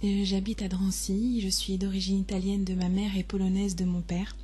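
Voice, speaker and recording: A woman in her twenties giving a personal testimony, hesitant and deeply moved, often pausing and restarting. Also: flat delivery, mellow, breathy edge. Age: 20s.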